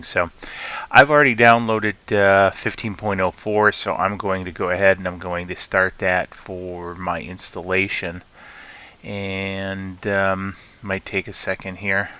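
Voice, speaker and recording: A man hosting his channel, talking through a screen-recorded software tutorial with many fillers and restarts. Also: low-pitched. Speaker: channel host.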